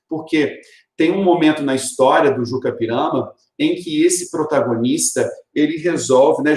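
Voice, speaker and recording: A male literature teacher, giving a recorded video lesson in an explanatory way and tagging his points with rhetorical questions. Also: medium pitch. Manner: explanatory, tags lines with rhetorical "né?". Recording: roomy echoey room.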